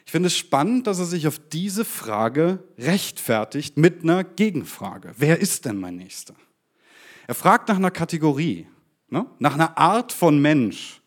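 A man preaches a sermon in a slightly raised voice. He throws rhetorical questions at his listeners with animated energy. He slows down and drops lower when he reads the scripture passage.

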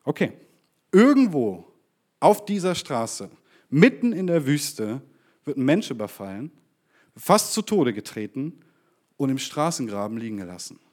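Sing-song and a little mellow, this preacher addresses his congregation with rhetorical questions. He drops to a slower, lower voice to read from the scripture passage.

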